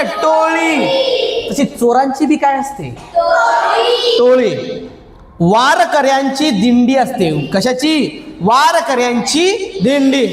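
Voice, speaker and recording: Man, high-pitched, Vidarbha Marathi accent, playful classroom drilling, long reverb, faint room noise. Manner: drills students, playful scolding, stretched chanted words. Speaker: teacher. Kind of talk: classroom grammar lesson with call-and-response. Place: classroom with students.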